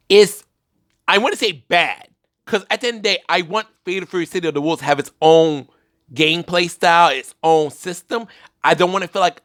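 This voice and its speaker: A man's voice: fairly high pitch, a bit bright, dry recording, studio quality. A young man giving casual solo commentary on a fighting game, rambling with restarts and fillers. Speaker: gaming commentator.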